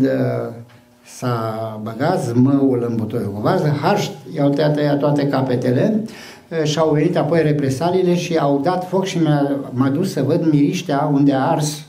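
An older man hosts a small event and tells anecdotes, often stopping for fillers. His voice is dark and gravelly. It comes through a stand mic in a room with noticeable echo. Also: on the high side. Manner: anecdotal, hesitant with many fillers. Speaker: event host. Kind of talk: storytelling speech. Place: small hall with a banner backdrop.

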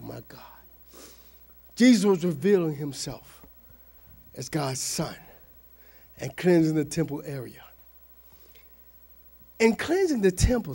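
A male pastor preaching a fervent sermon, calling for responses from the congregation and swinging between shouts and near-whispers. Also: high voice, vocal fry, slightly rough.

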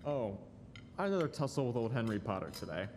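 A man playing a tired, gentle middle-aged father in a live radio play. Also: mid-range voice, sing-song, fast talker. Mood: weary, fond. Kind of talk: stage radio-play acting. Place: school auditorium stage. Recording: reverberant noisy hall.

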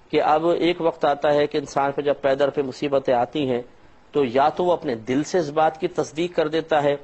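A male scholar delivers a religious lecture at a mid-range pitch, working through his points one careful example at a time. The recording sounds slightly dull and lo-fi. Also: darkish tone. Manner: patient explaining through step-by-step examples. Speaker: Islamic scholar.

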